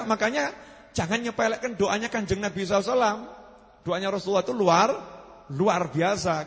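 A man with a Javanese accent preaching a sermon to a gathering, lively and joking as he talks. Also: high voice, vocal fry, big-room sound. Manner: animated, jokes and mixes in Javanese phrases.

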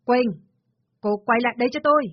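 A woman voicing an angry young husband who shouts threats, on a dull, dry recording. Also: on the high side, fast talker, no room sound, voice pushed up, natural voice.

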